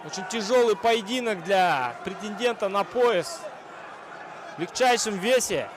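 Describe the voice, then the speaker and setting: Male fight commentator, high voice, wrestling-commentator style with analytical play-by-play and excitable calls, noisy arena crowd behind. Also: a little slow. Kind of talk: live MMA sports commentary.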